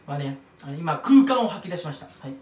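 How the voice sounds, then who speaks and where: A man's voice: fairly high pitch, sing-song, fast, far from the mic, noisy background. Rambling, self-mocking man in a roomy echo. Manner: self-mocking, rambling tangents, stumbles over words. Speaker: YouTuber commenting on another creator. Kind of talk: casual rambling monologue.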